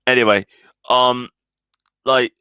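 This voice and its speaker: A man's voice: mid-range voice, fairly even intonation, slow pace, sharp tone, clear, resonant tone, no echo. A man chatting casually on his own live stream, hesitant and full of fillers and restarts.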